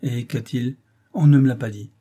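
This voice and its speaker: A rosy young village girl reports gossip in an eager, naive way. A man lifts his voice to play her, keeping a husky, mellow tone. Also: mid-range voice, moderate pace, close to an everyday voice.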